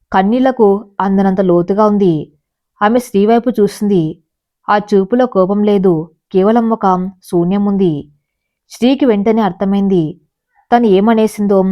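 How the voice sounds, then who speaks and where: A woman narrating a scripted audio story in a slow, measured, emotional way. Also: medium pitch. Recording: dull lo-fi recording.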